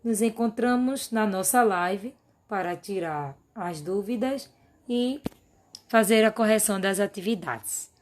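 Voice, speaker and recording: Slow, patient Brazilian woman teacher. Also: medium pitch. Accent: Brazilian Portuguese. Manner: dictates word lists one by one, patient explaining. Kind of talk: remote class going over workbook exercises.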